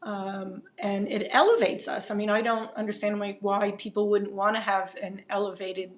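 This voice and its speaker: A woman's voice: mid-range voice, fairly even intonation, moderate pace. A woman with a New Jersey accent hosting an interview show, musing aloud with lots of fillers. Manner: rambling, musing, full of fillers. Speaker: podcast host. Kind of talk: conversational interview.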